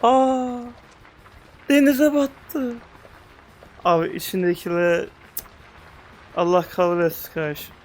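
A young man giving casual, excitable commentary on a VR game, slangy, with loud outbursts, sometimes speaking English. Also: high voice, takes it slowly, long pauses. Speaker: gaming youtuber.

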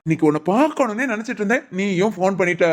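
An easygoing young brother in a Tamil family cartoon, talking in a friendly, explanatory way. The same actor who plays the husband puts him on at a middling pitch. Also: animated, racing, close to an everyday voice. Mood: explaining.

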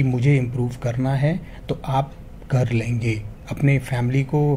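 A man's voice: mid-range voice, mellow, slight background noise. A man giving an earnest, motivational spoken lesson, calling viewers his friends and slipping English phrases into his talk. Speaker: English teacher.

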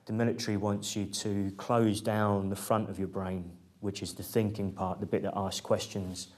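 A man with a lowish voice explains military indoctrination slowly and deliberately. He lays out each point carefully, like someone giving testimony. His delivery is calm and plain. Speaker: former soldier interviewee. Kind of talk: interview testimony.

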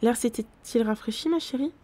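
A woman's voice: fairly high pitch, fairly quick, darkish tone, close to an everyday voice. A woman reading as a languid vampire girl. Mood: weary. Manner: languid, murmuring.

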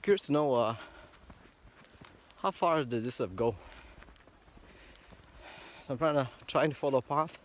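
A man's voice: mid-range voice, a little slow, pauses often, a little hiss or hum. A man vlogging casually as he walks outdoors on a snowy rural property, thinking aloud with lots of fillers. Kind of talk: casual walk-and-talk vlog. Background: faint outdoor rural ambience.

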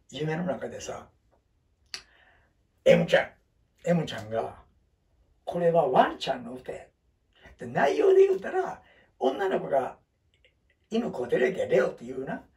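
A man's voice: high-pitched, mellow, distant mic. A man in his seventies with a Kansai accent, talking to viewers in a rambling, self-deprecating, casual monologue. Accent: Kansai Japanese. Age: 70s. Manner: chatty, rambling, self-deprecating, jokes and laughs. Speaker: vlogger.

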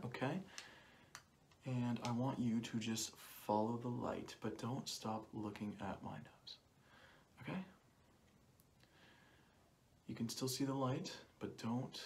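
Through a cloth mask, a young man plays an examiner for ASMR, murmuring softly and often whispering short, repeated phrases right at the microphone. His voice is medium-pitched and a little slow. The clearly noisy, click-filled home recording comes from a small plain room indoors.

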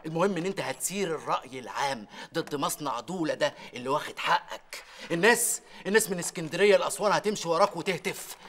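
A sly scheming Egyptian agitator. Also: male voice, on the high side, expressive, fast talker, hardly any pauses, fairly bright tone. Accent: Egyptian Arabic. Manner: conspiratorial, rousing.

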